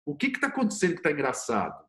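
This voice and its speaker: Talking very fast in a fairly high voice, a Brazilian screenwriter and series producer answers as an interview guest. He gives his opinions freely, storytelling with animation, acting out quotes, and posing rhetorical questions along the way.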